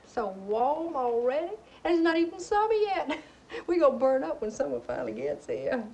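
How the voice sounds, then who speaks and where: A woman's voice: high-pitched, big pitch swings, normal speed, a little mellow. An actress playing a middle-aged faded Southern belle mother, genteel and nostalgic, chattering with a Southern accent and theatrical laughs. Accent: American Southern. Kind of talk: stage play acting.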